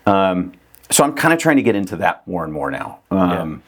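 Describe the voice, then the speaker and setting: Here a middle-aged real estate agent speaks in a low, sing-song voice at a moderate pace while guesting on a podcast. The talk is casual and conversational, sprinkled with fillers and frequent laughter.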